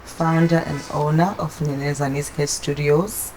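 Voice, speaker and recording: A woman's voice: sits low, fairly even intonation, normal speed, darkish tone, a little hiss or hum, poor audio. A South African woman, a hair salon owner, introducing herself plainly and directly. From Durban, South Africa.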